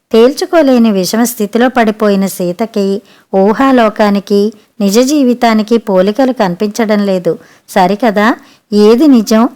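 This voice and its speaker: A woman narrating a family story for an audiobook, in measured scripted storytelling. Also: a little high, a little mellow.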